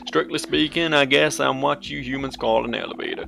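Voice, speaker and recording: A man's voice: mid-range voice, lively intonation, fairly quick, vocal fry, sharp tone, a little hiss or hum, pitched above the performer's own voice, full character voice. A man voicing a polite talking elevator creature with welcoming attendant patter. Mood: welcoming, officious.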